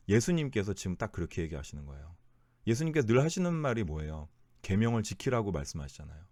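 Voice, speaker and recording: A man's voice: fairly low pitch, darkish tone, dry recording, clean studio sound. A man teaching a Bible study, who asks his listeners rhetorical questions and corrects himself mid-sentence.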